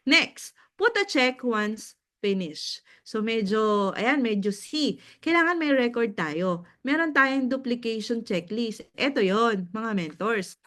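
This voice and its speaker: Filipino woman mentor, high voice, animated talk to a group with frequent laughs. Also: takes it slowly. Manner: animated storyteller, laughs often, checks in with listeners. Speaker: business mentor.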